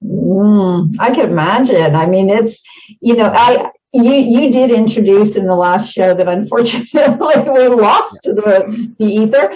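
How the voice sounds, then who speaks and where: A woman interviews her guest in a relaxed way, asking friendly questions and keeping the conversation going. Her voice sits at a middle pitch. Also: measured pace, rough recording. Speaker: host. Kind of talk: casual interview.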